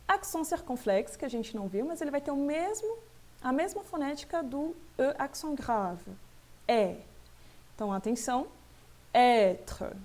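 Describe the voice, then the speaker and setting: A woman's voice: high-pitched, darkish tone. Patient woman teaching pronunciation. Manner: patient, repeats each word slowly and checks understanding. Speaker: French teacher. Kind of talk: French pronunciation lesson.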